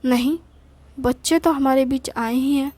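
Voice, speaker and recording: A sharp-tongued older wife who scolds in short, curt lines, played by a woman narrator. Her voice sits high and she speaks at an unhurried pace. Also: fairly even intonation, dry recording. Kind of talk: storytelling with acted dialogue.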